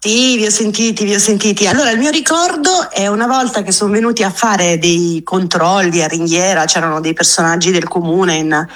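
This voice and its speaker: A woman's voice: medium pitch, brisk, hardly any pauses. A woman calling in over a phone on speakerphone, telling an anecdote in a chatty way with fillers and restarts. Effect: heard over a phone on speakerphone. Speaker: phone-in guest. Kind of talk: casual anecdote told on air.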